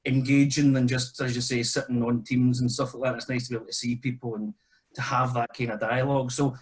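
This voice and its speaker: A man researcher presenting his paper at an online seminar in a relaxed, conversational way. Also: medium pitch, a little fast. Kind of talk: academic seminar talk.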